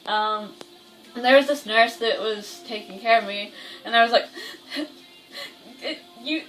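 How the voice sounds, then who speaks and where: A woman's voice: on the high side, fairly even intonation, slow, a bit bright, far from the mic, soft background music, poor audio. A young woman in her late teens telling a personal story in casual chat, full of "like" fillers and laughing between lines. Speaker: interviewee.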